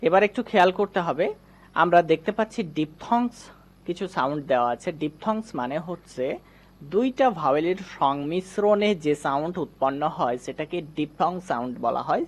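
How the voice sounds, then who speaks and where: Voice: mid-range voice, animated, normal speed. A teacher giving an online English reading lesson, addressing viewers directly, asking and answering his own questions and repeating vowel sounds for practice. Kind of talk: online lesson with slide explanation.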